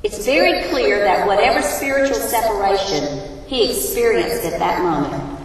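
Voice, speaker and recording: A woman's voice: mid-range voice, lively intonation, normal speed, distant mic. Woman preaching in a big echoing hall. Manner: asks the congregation questions. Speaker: Bible teacher. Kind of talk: sermon. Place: large hall.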